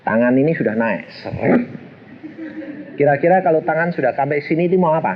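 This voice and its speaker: A middle-aged man preaching a storytelling sermon, animated and jokey, acting out the voices in his stories. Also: on the high side, fairly quick, a crowd in the background. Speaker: pastor. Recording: dull lo-fi sermon recording with faint hiss.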